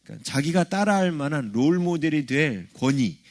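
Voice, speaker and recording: A middle-aged man preaches a sermon in a church in a friendly, talky way. His voice sits a little high for a man, and he keeps asking the congregation short rhetorical questions. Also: animated, moderate pace. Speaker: pastor. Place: church sanctuary.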